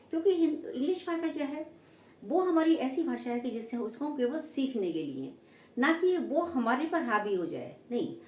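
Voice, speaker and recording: A woman's voice: mid-range voice, warm tone, a little hiss or hum. A woman teacher giving a grammar lesson, explaining patiently and often checking in with her students. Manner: explanatory, repeats "ठीक है" to check understanding. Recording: echoey room, voice from a distance.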